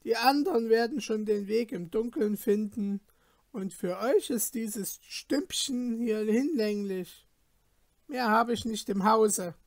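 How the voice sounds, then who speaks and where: A man's voice: high-pitched, slow pace, no echo, studio quality, pitched above the performer's own voice. A man voicing a stern, grumpy innkeeper woman who scolds her guests in a storybook reading. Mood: grim. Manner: curt, scolding. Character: stern grumpy middle-aged female innkeeper.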